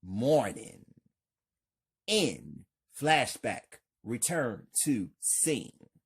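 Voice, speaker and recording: A woman reading a horror story aloud, narrating scenes in a deliberate, stage-direction style. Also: very deep voice, big pitch swings, breathy edge. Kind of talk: slow narrated script reading.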